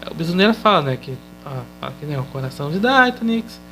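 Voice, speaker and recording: A man's voice: fairly high pitch, sing-song, fast talker, noisy background. A man with a Brazilian Portuguese accent casually recapping a TV episode, chatty and loose, often tagging his sentences with questioning fillers. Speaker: episode reviewer.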